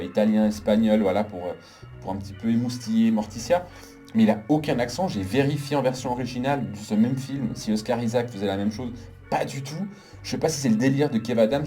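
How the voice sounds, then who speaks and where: A man's voice: medium pitch, dark tone. A man giving a casual, opinionated film review in an emphatic way, piling on intensifiers. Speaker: film critic.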